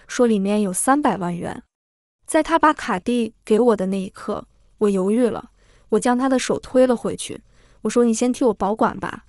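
A woman with a slightly high voice reads a dramatic first-person story as a storyteller. Her delivery is steady and even throughout. She is recorded close to the mic in a dry, dead room. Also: no room sound. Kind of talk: scripted first-person narration.

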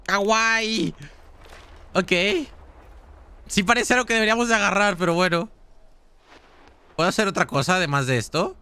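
A Mexican man streaming a survival horror game live, chatting excitably and casually with his viewers in slangy speech. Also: high-pitched, brisk, long pauses, clean tone. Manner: chatty, excitable, slangy, talks straight to chat. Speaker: gaming streamer. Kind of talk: live gaming commentary.

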